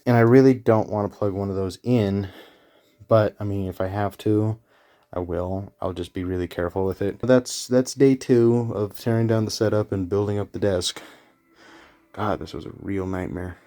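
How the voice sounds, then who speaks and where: A man's voice: on the low side, moderate pace, mellow. A young man vlogging casually on camera, rambling and candid as he works on his setup. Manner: rambling, candid, talks while working.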